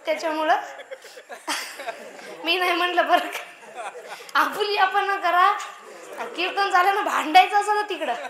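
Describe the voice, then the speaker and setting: A woman's voice: very high-pitched, a little slow, pauses often, a crowd in the background. A woman kirtan preacher who gives a playful devotional sermon full of storytelling and teases her audience. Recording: echoey hall.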